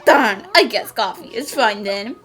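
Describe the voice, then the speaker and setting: A woman's voice: mid-range voice, expressive, a little slow, fairly bright tone. A woman playing a young female detective or analyst in an overacted anime dub, with exaggerated, theatrical delivery. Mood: melodramatic pleading. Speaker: voice actor in a fan dub. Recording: music behind the voice.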